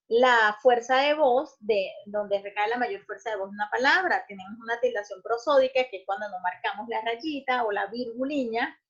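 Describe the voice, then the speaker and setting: A woman teacher explaining grammar, checking in often with short questions and filling pauses with "este". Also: a little high, fairly bright tone, husky. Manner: explanatory, checks in with "¿ok?" and "¿verdad?", frequent restarts and "este" fillers. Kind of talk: recorded grammar lesson. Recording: muffled lo-fi recording.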